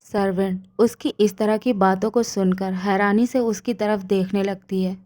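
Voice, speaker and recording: A woman narrating a fan fiction story in a steady storytelling manner. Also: medium pitch, unhurried.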